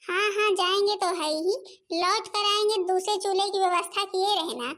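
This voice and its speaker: A woman's voice: extremely high pitch, normal speed, fairly bright tone. A woman voicing a fiery village mother and daughter-in-law who quarrels with her mother-in-law and husband in a home-made cartoon. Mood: combative. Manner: combative, quarrelsome.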